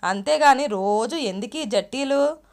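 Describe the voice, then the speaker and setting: A woman's voice: fairly high pitch, lively intonation, measured pace, gravelly, voice pushed up. A woman reading the part of an older village man who angrily scolds his nephew. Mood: scolding. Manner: loud, scolding.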